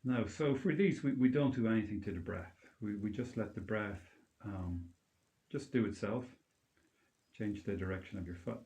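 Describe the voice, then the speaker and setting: Man, meditation teacher for a calm grounding exercise: lowish voice, gentle and unhurried, recorded in an echoing room. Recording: roomy, echoing indoor sound.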